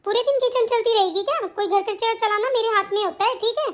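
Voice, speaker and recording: A woman's voice: extremely high pitch, moderate pace, a bit bright. A woman playing a stingy, harsh young daughter-in-law who scolds and threatens her mother-in-law. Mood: scolding. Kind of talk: hobby family-drama acting.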